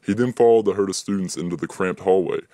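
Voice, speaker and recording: Deep-voiced young man reading a story. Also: quick pace, dark tone, no room sound. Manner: plain reading, voices dialogue with higher pitch. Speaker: student reading his own story. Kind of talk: reading a written story aloud.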